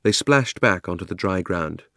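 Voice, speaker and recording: Gentle male storybook narrator. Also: deep voice, expressive, normal speed, gravelly, no echo, clean studio sound. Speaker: audiobook narrator. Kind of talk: storybook reading.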